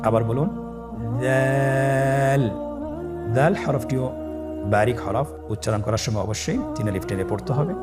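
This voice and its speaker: This calm, patient teacher speaks quickly at a medium pitch, with a Bangladeshi accent and music playing behind him. He guides listeners step by step through Arabic letters for Quran reading, drawing out every sound for them to echo.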